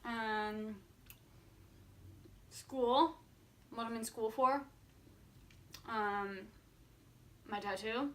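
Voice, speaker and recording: A woman in her early twenties chats to her viewers in a vlog style. Her voice is bright and sits a little high. She is candid and very informal, leaning heavily on "like" as she thinks out loud. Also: very slow, long pauses. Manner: candid, informal, filler-heavy with frequent "like". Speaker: vlogger answering viewer questions. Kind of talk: casual chat to camera.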